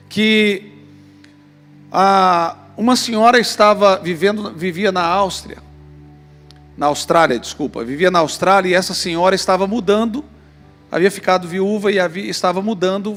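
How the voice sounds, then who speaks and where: A man with a Brazilian Portuguese accent preaching a sermon, telling a story in an animated way to the congregation in a church hall. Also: high-pitched. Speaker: pastor. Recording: long church reverb, faint music.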